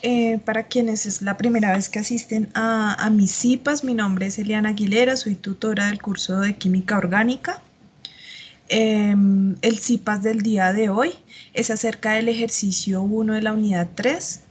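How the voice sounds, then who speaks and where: A woman chemistry tutor teaches an online class over a video call, picked up by her computer mic. Her husky, mid-range voice keeps a steady tone at a moderate pace, and despite a slight cough and sore throat she explains things patiently, with frequent filler sounds.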